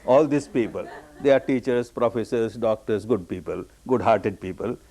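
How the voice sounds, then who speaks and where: Man from burma giving a meditation talk, says things over and over, pitch jumps way up on the big words. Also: moderate pace, warm tone. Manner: repetitive, emphatic phrasing with sudden high rises on key words. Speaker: meditation teacher. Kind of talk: dharma discourse recounting his own story.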